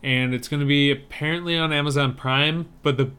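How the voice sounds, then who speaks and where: Laid-back male podcast co-host with a smooth, clear voice and dry humor. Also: on the high side, fairly even intonation, fairly quick, pushed and bright. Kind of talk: casual chat. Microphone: remote video call.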